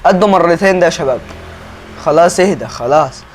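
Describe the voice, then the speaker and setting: A young man with an Egyptian Arabic accent rattles off casual gameplay commentary at a quick clip, his voice sitting a little high. He talks chattily and keeps turning to address his viewers. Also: expressive, soft background music. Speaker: gaming YouTuber.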